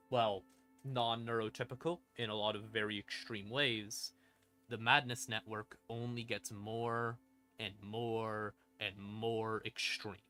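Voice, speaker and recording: In a fairly low, sharp-toned voice, a man hosting a livestream explains game lore casually, swearing and stressing his points. The backdrop is creepy ambient music.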